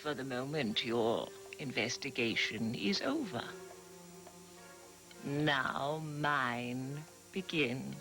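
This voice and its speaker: An actress playing a scheming countess in a daytime soap opera, speaking in a theatrical manner. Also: female voice, extremely low pitch, very slow, fairly bright tone, soft background music, full character voice, low-quality recording.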